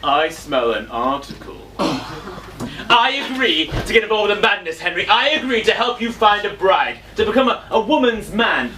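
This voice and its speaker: A man playing a sardonic journalist in a live stage comedy, with a wry, deadpan delivery. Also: high voice, moderate pace. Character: dry male journalist, sardonic sidekick. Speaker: journalist character. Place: theatre stage. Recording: roomy far-off stage sound, audible room noise.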